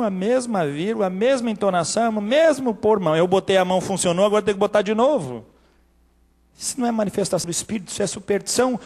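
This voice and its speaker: A man from Brazil, a pastor preaching a sermon in church, telling stories dramatically and acting out the dialogue. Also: sits high.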